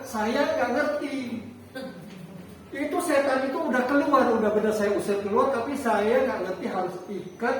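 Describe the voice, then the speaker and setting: A man preaching a sermon as a pastor, telling a personal story in an animated way with frequent halting restarts. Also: extremely high pitch. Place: church hall. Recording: echoey hall, distant mic, faint noise.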